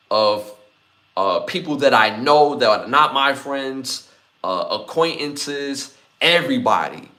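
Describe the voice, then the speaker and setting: A podcast host in his forties gives solo commentary in a medium-pitched, fairly bright voice. He speaks straight to his live chat, emphatic and repeating his appeals.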